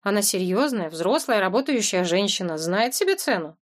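A woman narrating an audiobook in a lively, expressive storytelling manner. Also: medium pitch, normal speed. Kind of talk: scripted narration.

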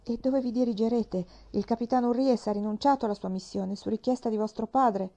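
A woman reading a novel aloud, voicing a stern male bishop who speaks in a measured, soft way. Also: a little high, steady tone, natural voice.

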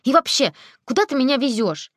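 A woman's voice: sits high, big pitch swings, fairly quick, fairly bright tone, no echo, clean studio sound, voice pushed up, full character voice. A woman reading an audiobook, voicing a stubborn teenage girl in exasperated protest.

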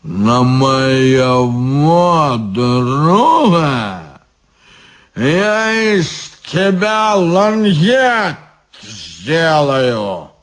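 A man voicing a hulking male thug who threatens in a slow, menacing drawl, in an audiobook. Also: a little high, sing-song, fairly bright tone, full character voice.

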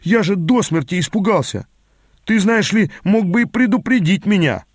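A man's voice: high-pitched, lively intonation, measured pace, no echo, clean studio sound, voice pushed up. A man voicing a nervous young male apprentice magician who sounds flustered.

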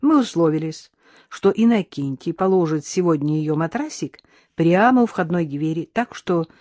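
Audiobook narrator: woman, wry and lively, close dry read. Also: on the low side, moderate pace, dry recording. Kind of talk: first-person audiobook narration.

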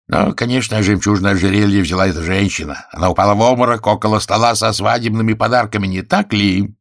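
A man's voice: on the low side, no echo, clean studio sound. A man voicing a flustered, indignant middle-aged husband who sputters and insists.

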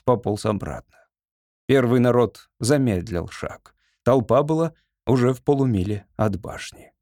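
A man's voice: medium pitch, a little mellow, no room sound. Man narrating an audiobook, dry close sound. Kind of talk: scripted narration.

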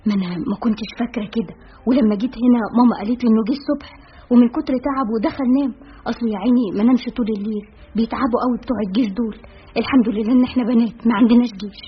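Bossy chatty egyptian girl friend, woman reading, talks super fast, dull lo-fi audio, faint music. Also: fairly high pitch, steady tone, breathy edge. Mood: bossy teasing. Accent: Egyptian Arabic. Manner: bossy, bantering, rapid.

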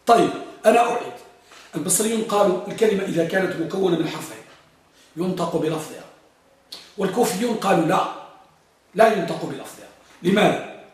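A man's voice: high-pitched, lively intonation, fast talker, long pauses, distant mic. Man teaching grammar in an echoey room. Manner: repeats points and quizzes students. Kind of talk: classroom lecture.

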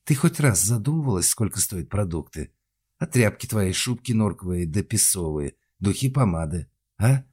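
A man's voice: normal speed, mellow, husky. A man voicing a bossy, scheming older mother who scolds her daughter. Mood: scolding. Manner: shrill scolding, then fawning.

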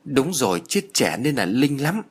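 A man's voice: medium pitch, big pitch swings, moderate pace, slightly rough, pitched above the performer's own voice. A man voicing a blunt, tactless young man from the countryside in an audio story.

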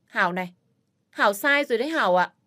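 A woman voicing a sly young woman who talks in a quick, ingratiating way. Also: on the high side, lively intonation, bright, forceful tone.

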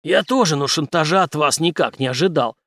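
A man reading an audiobook, voicing a stubborn, brash male intelligence officer who speaks forcefully in clipped phrases. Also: on the high side, fairly quick, dry recording, studio quality, pitched above the performer's own voice.

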